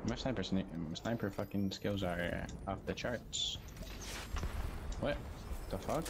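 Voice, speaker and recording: A man's voice: on the low side, measured pace, noisy background. A man chatting casually while playing an online game with friends, joking and swearing a lot. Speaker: gamer. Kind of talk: casual gaming banter.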